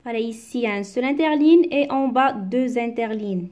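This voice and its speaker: A woman teacher giving a lesson, reading short sentences aloud and slowly repeating words with careful articulation. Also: a little high, a little mellow, highs cut off, slight background noise. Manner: slow, articulated dictation-like delivery, repeating words. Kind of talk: slow, careful classroom reading and explanation.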